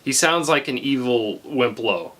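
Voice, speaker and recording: A man's voice: medium pitch, animated, a little slow, a bit bright. A man narrating a video game review with joking asides and playful commentary.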